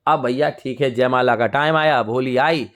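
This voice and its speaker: A young adult male teacher, retelling a lesson story in a lively, conversational way and acting out the characters. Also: medium pitch, normal speed.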